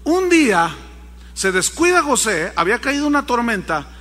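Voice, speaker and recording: A man preaching a sermon, telling a story with animated acted-out voices. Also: very high voice, moderate pace, long reverb tail. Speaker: pastor.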